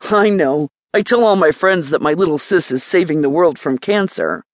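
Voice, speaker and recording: A woman voicing an excited, upbeat young man who loves to party, in an audiobook. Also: low-pitched, moderate pace, dry recording, clean studio sound, close to an everyday voice. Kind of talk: audiobook character voice.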